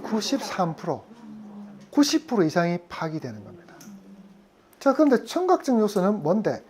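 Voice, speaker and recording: Woman lecturer, animated pitch, quizzes the room constantly. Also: normal speed, a crowd in the background. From Gyeongsang region. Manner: asks the audience frequent questions. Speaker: insurance sales lecturer. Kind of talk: lively classroom lecture.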